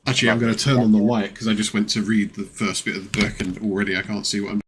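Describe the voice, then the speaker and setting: A man's voice: lowish voice, level tone, quick pace. A man narrating a tabletop game as game master, setting the scene and explaining the rules patiently.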